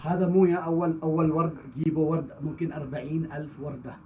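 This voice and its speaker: A man's voice: a little high, measured pace. A man who is not a native Arabic speaker, explaining factory products to visitors in simple broken phrases mixed with English. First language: not Arabic, speaks simplified pidgin Arabic. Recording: muffled, faint background noise.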